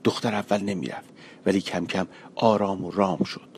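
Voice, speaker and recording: A man's voice: sits low, steady tone, darkish tone, a little hiss or hum. Male storyteller reading an audiobook. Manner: measured, colloquial storytelling. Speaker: narrator.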